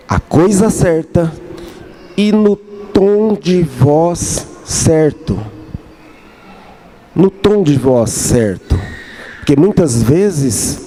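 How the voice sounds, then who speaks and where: Slow, deep-toned man preaching. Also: mellow, slight background noise. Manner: slow, repeats key phrases, acts out dialogue with his wife. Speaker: pastor. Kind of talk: sermon.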